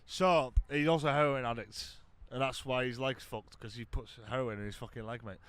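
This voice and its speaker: Bright, clear, drunk British man bantering. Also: medium pitch, fairly even intonation, fairly quick, no echo. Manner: drunk, sweary, blunt. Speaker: podcast co-host. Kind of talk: casual banter.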